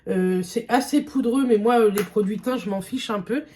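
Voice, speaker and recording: A woman's voice: medium pitch, moderate pace, mellow, a little hiss or hum. A young woman vlogger chatting casually through a makeup test, hesitant and full of fillers. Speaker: beauty vlogger. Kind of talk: casual makeup vlog chat.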